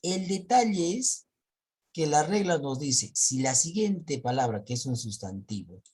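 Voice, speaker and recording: Husky-voiced male teacher explaining grammar. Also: a little high, sing-song, a little slow, darkish tone. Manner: explains step by step, checks with students. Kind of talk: online grammar lesson.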